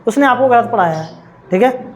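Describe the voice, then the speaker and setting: A male teacher lectures to a class emphatically and with self-assurance, insisting others taught the topic wrong and repeatedly asking "ठीक है?" to check with students. His voice is very high-pitched, animated and brisk, captured on a low-quality recording.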